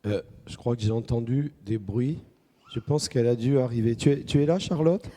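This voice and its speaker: A man's voice: mid-range voice, a little fast, dark tone. A man preaching a playful children's sermon, chatting with the kids and playacting a phone call. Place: church hall. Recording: reverberant church hall.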